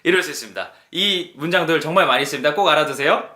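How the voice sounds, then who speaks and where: A man teaching English in a lively video lesson, acting out example lines and drilling phrases slowly. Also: on the high side. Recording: echoey room.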